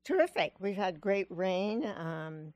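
A woman's voice: medium pitch, sing-song, takes it slowly, a little mellow, no echo, muffled recording. A woman who owns a farm, a cheerful, upbeat guest on a radio show, still in her morning voice. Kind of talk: casual radio interview.

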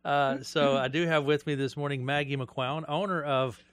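A man hosting a morning radio show, chatting casually and warmly with his guests in the studio. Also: a little high, fairly even intonation, moderate pace, no echo. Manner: friendly, chatty interviewer.

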